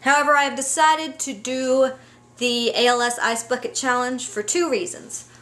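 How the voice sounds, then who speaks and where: Female vlogger, slightly high voice, casual unscripted delivery straight to camera. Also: steady tone, normal speed, a bit bright.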